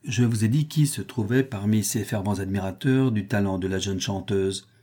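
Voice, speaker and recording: Homme lisant le rôle d'un grand détective posé, voix sombre, légèrement voilée, débit mesuré. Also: male voice, lowish voice, mellow, lightly acted. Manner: measured, explanatory storytelling. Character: calm, assured male master detective.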